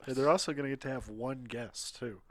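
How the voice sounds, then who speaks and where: A man's voice: medium pitch, fairly quick, no room sound. A man co-hosting a gaming podcast with dry, cynical, sarcastic remarks. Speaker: podcast co-host. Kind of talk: casual chat.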